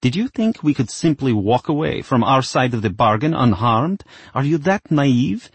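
A man's voice: medium pitch, big pitch swings, moderate pace, slightly rough, no echo, pitched above the performer's own voice. A man reading a story, voicing a stern, scheming middle-aged mother who scolds her daughter. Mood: cold. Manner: curt, scolding.

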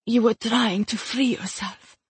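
A woman reading an audiobook puts on a seductive spirit of the gem, breathy and hushed, with every line soft and honeyed. She speaks slowly and possessively, and the voice sits close and dry. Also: fairly high pitch, steady tone, no echo, pitched above the performer's own voice. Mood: honeyed whisper. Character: seductive ancient female spirit bound in a gem. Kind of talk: audiobook character voice.

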